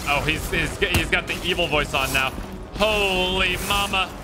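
A young man gives casual, excited gameplay commentary. His voice sits high and he jokes and repeats himself as he goes. He is close on the mic with loud game music underneath. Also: measured pace. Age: young adult. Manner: animated, joking, repeats phrases. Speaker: game streamer. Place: small room at home.

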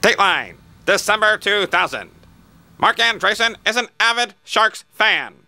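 A man's voice: high-pitched, lively intonation, unhurried, sharp tone, pitched above the performer's own voice, heavily acted. A man playing a dramatic old-time newsreel announcer in a grand, announcing delivery. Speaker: amateur contest entrant. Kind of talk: mock newsreel narration.

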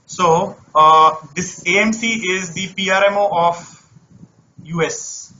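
Bright-voiced man teaching online. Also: high-pitched, takes it slowly, muffled recording, a little hiss or hum. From India. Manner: conversational, repeats words and phrases. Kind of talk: interactive online lesson. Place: online class over screen share.

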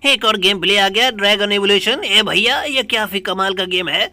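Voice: mid-range voice, normal speed, bright, forceful tone, no room sound. A performer voicing a timid, cheerful cartoon cat who whines to his big brother while commentating a mobile game. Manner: starts lines with "ae yaar bhaiya", whiny.

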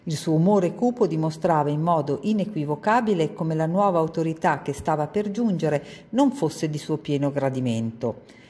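A woman reading a children's book aloud in a calm, measured storytelling manner. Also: sits low, in a large hall. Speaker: reader.

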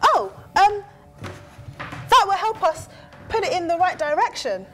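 A woman playing a hesitant, very high little alien girl. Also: a little slow, a bit bright, faint music behind, full character voice. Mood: eager. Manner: hesitant, full of ums, gasping. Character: excitable young alien girl lost from home. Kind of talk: children's TV acting.

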